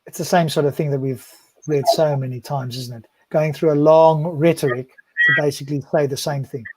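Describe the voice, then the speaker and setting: A man's voice: fairly high pitch, steady tone, moderate pace, dry recording. Dry, close-miked man chatting on a panel show. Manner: chatty, ends points with "right?". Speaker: podcast co-host. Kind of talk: casual panel discussion.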